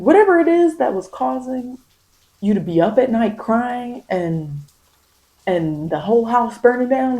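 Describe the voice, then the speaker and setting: A tarot reader with a fairly high, mellow voice gives spiritual guidance to the listener, heard through a low-quality recording. Her ASMR-tinged monologue is informal and vernacular, with emphatic, repeated phrasing aimed straight at the listener.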